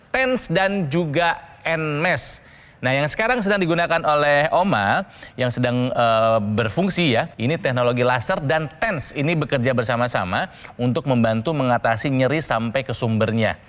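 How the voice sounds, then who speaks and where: A man hosting an infomercial, pitching to viewers in an emphatic, exhorting sales manner. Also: a bit bright. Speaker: TV infomercial host. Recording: reverberant hall-like room sound.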